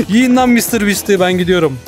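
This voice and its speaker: A man giving loud, playful, cursing commentary on a comic VR game video as its host. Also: high voice. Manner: loud, playful, swearing banter. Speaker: gaming YouTuber.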